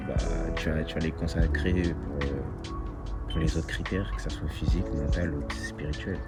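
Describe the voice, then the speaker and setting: A twenty-year-old man giving a casual motivational monologue as a vlogger, earnest and repeating his key phrases. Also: sits low. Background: loud music.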